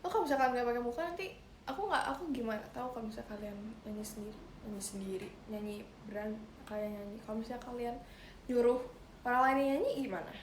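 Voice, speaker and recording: High-voiced young woman chatting on a livestream. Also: fast. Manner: chatty, playful, addresses viewers as guys, sings short demo lines. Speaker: idol livestream host. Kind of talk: casual livestream chat giving singing tips. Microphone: phone livestream. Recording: roomy echo, faint background noise.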